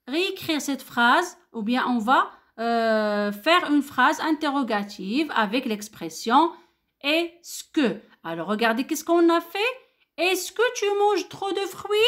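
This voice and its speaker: A woman's voice: high voice, a bit bright. A woman with a Moroccan French accent teaching a grammar lesson to young pupils, patient and repetitive, lifting her voice on example questions. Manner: slow, patient, repeats key words, rising question intonation. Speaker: primary school teacher.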